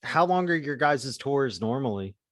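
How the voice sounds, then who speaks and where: A laid-back man in his thirties hosts a podcast, dropping casual swears and short reactions. His voice sits at an ordinary pitch and sounds dry and close. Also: animated, moderate pace, dry recording. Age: 30s. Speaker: podcast host. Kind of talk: casual interview chat.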